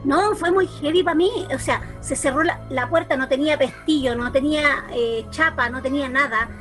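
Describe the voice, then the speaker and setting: High-voiced Chilean woman telling a story. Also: moderate pace, soft background music. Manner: animated, lots of restarts and repeats. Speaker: church youth leader. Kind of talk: storytelling testimony on a group video call. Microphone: video call.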